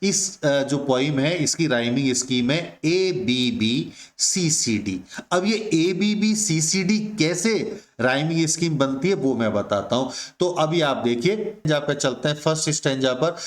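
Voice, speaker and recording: Male teacher, higher voice, unhurried, explaining step by step in an echoey room. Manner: slow, repetitive, addresses students as my dear friends. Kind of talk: explaining a poem to students.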